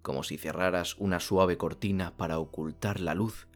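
A man from guides a sleep relaxation in the manner of a sleep story narrator. His delivery is calm and soothing, with long pauses between phrases. Soft music plays behind him. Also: low voice.

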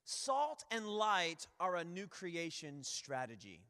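A man preaching a lively church sermon, rambling and energetic, calling out to the congregation. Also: high voice, takes it slowly. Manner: energetic, rambling, calls out to the crowd. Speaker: guest preacher. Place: church hall. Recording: long hall reverb.

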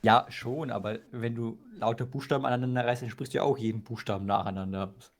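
A man's voice: medium pitch, steady tone, fast talker. A young man co-hosting a casual podcast chat, hesitant and stubborn, often stumbling over his words. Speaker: podcast co-host.

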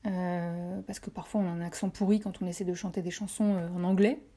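Mellow-voiced French woman podcaster. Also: lowish voice, flat delivery, a little fast. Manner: encouraging, repeats phrases for emphasis; addresses listeners directly. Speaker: podcast host. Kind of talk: motivational podcast talk.

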